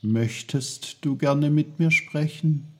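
A man's voice: fairly high pitch, takes it slowly, noisy background, pitched above the performer's own voice. A man voicing a curious, eager boy who asks many questions.

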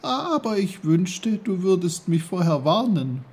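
An eager, puzzled young boy asks question after question in a higher, lively voice, as a man reading a storybook puts him on. The tone stays mellow and the delivery slow. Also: husky, full character voice. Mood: curious. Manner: eager, questioning, raised pitch.

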